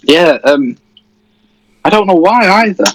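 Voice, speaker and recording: A man's voice: high voice, expressive, measured pace, a little hiss or hum, rough recording. An eighteen-year-old man from Leeds, easygoing and jokey, co-hosting a casual football watchalong stream. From Leeds, England. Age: teens. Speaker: livestream co-host.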